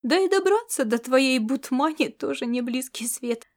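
A woman plays a cocky young wife who drops in uninvited. Her lines are high and sing-song, teasing and scolding by turns. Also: lively intonation, normal speed. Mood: playful. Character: breezy self-assured young female pilot.

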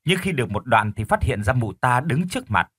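A man narrating a horror story in an expressive, dramatic way. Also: mid-range voice, fairly quick, husky, dry recording, studio quality.

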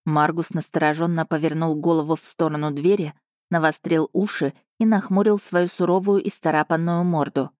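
Low-voiced woman narrating an audiobook. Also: steady tone, normal speed, darkish tone, no room sound, studio quality. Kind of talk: scripted first-person narration.

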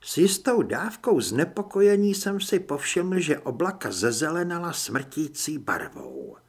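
A man reading first-person audiobook narration in an expressive way. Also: a little high, slightly rough.

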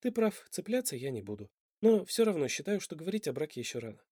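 A man's voice: on the high side, very animated, quick pace, mellow, husky, no echo, studio quality. A man voicing a spirited, stubborn young woman who answers with indignant, ironic retorts in an audiobook. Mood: teasing.

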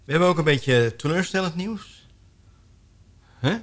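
A man's voice: on the high side, expressive, a little slow. A man hosting a local radio show. He talks in casual chat, hesitant and full of fillers, with light jokes.

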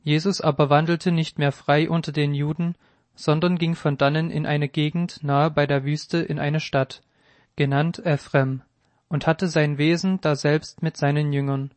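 A man narrating a scripted Bible reading with a solemn, measured delivery. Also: on the high side, level tone, no room sound.

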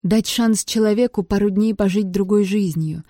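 A woman's voice: medium pitch, normal speed, mellow, no echo, clean studio sound. A woman reading a first-person novel aloud, with a wry, sardonic tone. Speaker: audiobook narrator.

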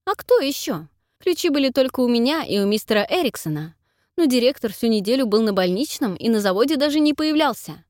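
A woman's voice: a little high, big pitch swings, fairly quick, darkish tone, dry recording, clean studio sound, pitched above the performer's own voice. Woman voicing a blunt, curt woman of forty. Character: blunt, brusque woman in her forties.

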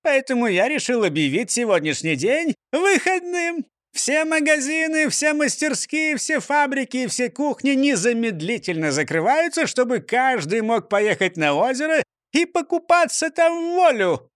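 A man voicing a cheerful, excitable small-town mayor in a children's story. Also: very high-pitched, moderate pace, no echo, clean studio sound, voice pushed up, heavily acted. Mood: proclaiming. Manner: cheerful, exclaiming. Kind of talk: audiobook character voice.

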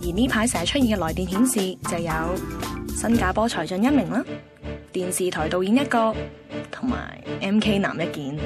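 Over background music, a woman voices a picky, talkative twenty-something host in a radio drama, narrating in a Hong Kong Cantonese accent. Her mid-range delivery is animated, moderately paced and close to everyday speech, with a playful, confiding, cheeky and self-assured manner.

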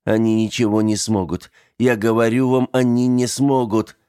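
A man voicing a cruel, frightened man who speaks in a numb, hushed way. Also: medium pitch, little pitch movement, moderate pace, clean tone, no echo, clean studio sound, close to an everyday voice. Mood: tense. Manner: whispering, numb and cold. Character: Mr Benedict, cruel man, panicky and cold.

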